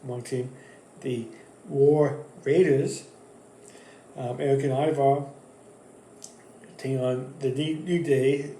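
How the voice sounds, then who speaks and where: A man talks through his wrestling picks in a casual, rambling monologue, stopping and restarting his sentences often. His voice is mellow and dark. The recording has a roomy echo with a faint background hum. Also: medium pitch, steady tone, slow pace, pauses often. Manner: rambling, with many fillers and restarts. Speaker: wrestling channel host. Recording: echoey room.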